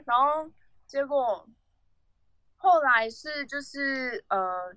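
A woman's voice: high voice, animated, very slow, fairly bright tone, no echo. A young woman, rambling through a casual story on a podcast with many fillers and restarts. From Taiwan. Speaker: podcast co-host.

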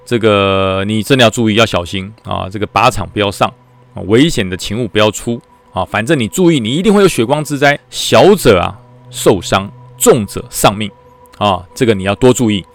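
A man with a Taiwanese Mandarin accent voicing an old temple keeper who tells fortunes, drawing out his dire warnings slowly. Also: fairly low pitch, expressive, soft background music. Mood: ominous. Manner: slow, drawn-out warnings of doom.

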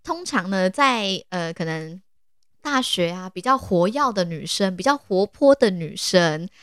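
A woman's voice: mid-range voice, expressive, unhurried, a bit bright, clear, resonant tone, no room sound, clean studio sound. A woman putting on the voice of a startled male professor who stammers in disbelief. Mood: fumbling. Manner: stammering, incredulous.

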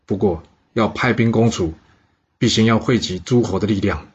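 A man voicing a shrewd, calculating chief minister who advises in a measured, persuasive way, in a husky voice on a dull recording. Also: fairly low pitch. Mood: advising.

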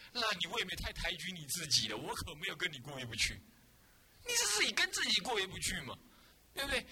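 Buddhist abbot, male, lecturing and scolding students, bright piercing tone, lively teasing delivery. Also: sits high, a little hiss or hum. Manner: scolding, teasing, full of rhetorical questions.

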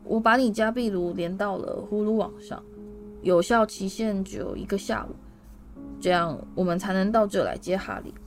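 A woman's voice: medium pitch, expressive, moderate pace, soft background music, natural voice. A woman doing a flustered, kindly Mr Weasley. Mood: apologetic. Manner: apologetic, rambling explanations. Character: flustered, kindly middle-aged wizard father.

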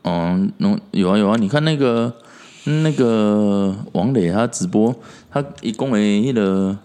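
A man's voice: lowish voice, unhurried, warm tone, clean tone. A man chatting casually on a podcast, explaining things at length and often stumbling over and repeating his words. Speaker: podcast co-host.

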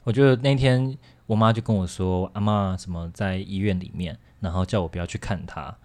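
A man's voice: low voice, fairly even intonation, normal speed, a little mellow. A young man with a Taiwanese Mandarin accent, telling a personal story in a casual, rambling way on a chat show. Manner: candid, rambling, frequent restarts and laughs.

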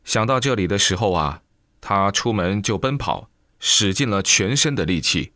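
A man reading a Buddhist book aloud in lively storytelling style, with exclamations. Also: fairly low pitch, dry recording, clean studio sound. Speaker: reader.

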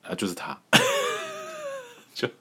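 A man's voice: takes it slowly, pushed and bright, slight background noise. A male podcast host with a Taiwanese Mandarin accent, chatting casually and crudely, laughing often and stumbling into restarts.

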